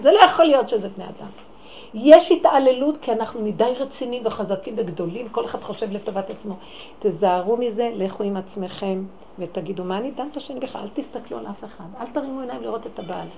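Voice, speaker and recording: A woman giving an impassioned religious talk, swinging between loud exclamations and hushed, pleading tones. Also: a little high, gravelly, a little hiss or hum, rough recording. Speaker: religious lecturer.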